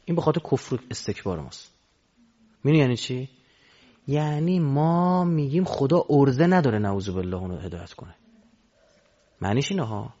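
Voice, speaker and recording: Animated male preacher on a dull recording. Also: pauses often. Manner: animated, swinging between loud exhortation and low murmurs. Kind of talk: religious sermon. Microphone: microphone.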